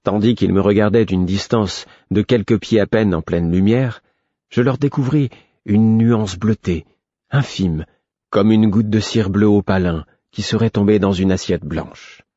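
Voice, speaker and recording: A man reads a first-person story in a measured, literary audiobook style. His voice sits low and sounds husky. The recording is dry and dull, with no room around it. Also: mellow, no room sound. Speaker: narrator. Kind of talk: scripted audiobook narration.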